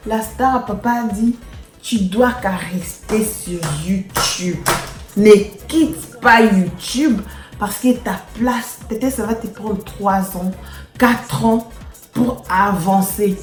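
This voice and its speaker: Music plays in the background of this echoey room as a woman with a Congolese French accent vlogs casually for her subscribers. Her mid-range voice is slow and a little mellow, and she repeats herself emphatically while boasting in a playful way.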